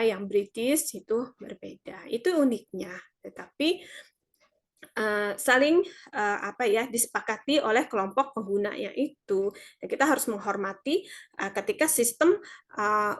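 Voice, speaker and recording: A woman's voice: medium pitch, fairly bright tone. A woman lecturer giving an online university lecture, explaining at length with frequent hesitations and fillers.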